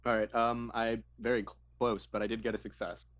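A man's voice: medium pitch, level tone, brisk, a bit bright, no echo. A man playing a tabletop game who talks in a casual, laid-back, slangy way. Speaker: player. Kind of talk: tabletop role-play chat.

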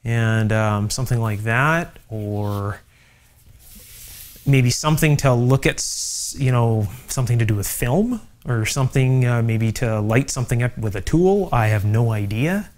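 A man's voice: mid-range voice, measured pace. Musing middle-aged man at a workbench. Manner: musing, thinks aloud with many fillers. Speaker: electronics channel host. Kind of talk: casual workbench demonstration. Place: home electronics workshop.

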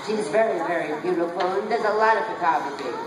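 A woman announcing a live animal show over a loudspeaker in lively emcee patter. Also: fairly low pitch, fast talker, very noisy. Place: large covered arena with a big crowd. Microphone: PA system, recorded by a phone in the stands. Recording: echoey PA, distant phone recording, loud crowd.

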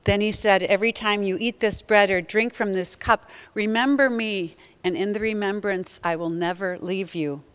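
A middle-aged woman pastor leads a communion liturgy in a smooth, resonant voice. She reads slowly and solemnly, in a prayerful way, from the front of a church sanctuary, heard through a distant camera. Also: mid-range voice, steady tone, a bit bright. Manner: slow, solemn, prayerful reading.

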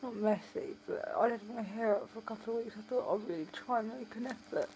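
A woman's voice: on the high side, fast, dark tone, a little hiss or hum, low-quality recording. A tired woman talking with a sore, swollen jaw after surgery, in a casual late-night video diary. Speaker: vlogger.

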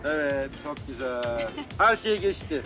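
A man's voice: mid-range voice, lively intonation, measured pace, music in the background. A man hosting a hidden-camera prank show in a playful, teasing way. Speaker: host.

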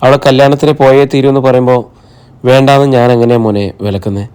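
A man voicing a worried, tender middle-aged mother in an audiobook, speaking softly and coaxingly. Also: medium pitch, quick pace, clear, resonant tone, natural voice. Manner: soft, anxious, coaxing.

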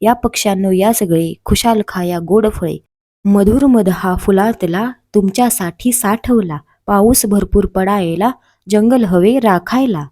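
A woman voicing a kind, grandfatherly old male mountain in a children's story, with a mellow, slightly breathy voice. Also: medium pitch, measured pace, close to an everyday voice. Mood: cheerful.

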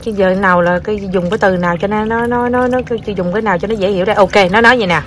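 A woman's voice: medium pitch, racing, a little hiss or hum. A woman in her thirties, a mother chatting casually to camera and laughing as she retells her child's words. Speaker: mother and vlogger.

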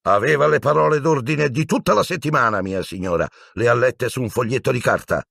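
A man voicing a boastful, gallant old knight in a talking painting, proud and shrill. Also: fairly quick, gravelly, fairly bright tone, breathy edge, no echo, studio quality.

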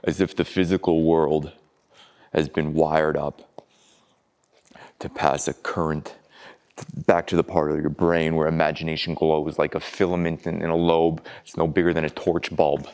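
A man playing a brooding heartbroken lover, deep and gravelly. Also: little pitch movement, darkish tone. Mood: anguished. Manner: slow, pausing, drops to near whispers. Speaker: actor. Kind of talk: stage monologue.

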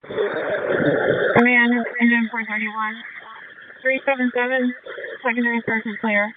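A woman's voice: fairly high pitch, fairly even intonation, a little slow. A female firefighter making clipped reports over a two-way radio. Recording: distant, noisy, tinny radio.

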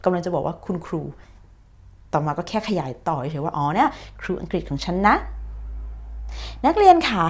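A woman's voice: lowish voice, very animated, moderate pace, pauses often. Chatty woman teaching English. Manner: chatty and encouraging, talking straight to students. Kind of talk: explaining an online English lesson.

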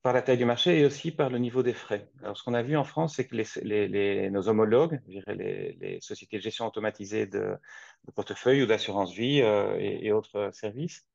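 A man from Belgium in his forties, speaking in a measured way with frequent restarts, interviewed over a video call from his office. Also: on the low side, creaky, a little mellow, dry recording. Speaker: guest, company co-founder. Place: office, seated at a desk. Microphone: webcam on a video call. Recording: dull lo-fi video call audio.

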